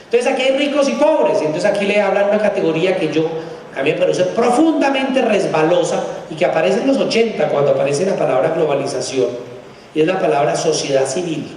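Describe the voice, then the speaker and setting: A middle-aged man with a Bogotá Colombian Spanish accent giving a conference lecture, emphatic and sarcastic, his pitch jumping up to stress points. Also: animated, fairly quick, darkish tone, a little hiss or hum. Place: large hall. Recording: echoey hall from far off.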